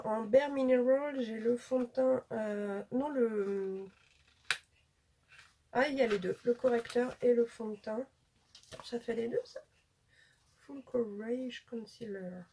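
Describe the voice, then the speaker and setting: A woman's voice: a little high, gravelly, mellow, slight background noise. A woman chatting casually as a beauty vlogger showing off her haul, hesitating often with fillers. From France.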